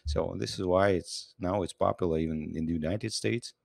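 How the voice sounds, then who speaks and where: A man from Russia who speaks. He answers interview questions in halting English, with many restarts. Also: low-pitched, gravelly, darkish tone, no room sound. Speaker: guest, business founder.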